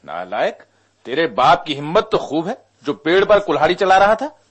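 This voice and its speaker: A mean snobby landlord, sneering, bossing people around, radio drama. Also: male voice, a little high, very animated, moderate pace, husky. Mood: scornful. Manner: scornful, barking orders.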